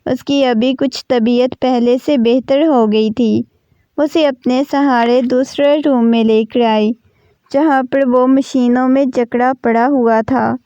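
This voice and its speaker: A woman narrating a romance novel in a steady reading voice. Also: high voice, clean tone, no echo, lo-fi sound. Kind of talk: storybook narration.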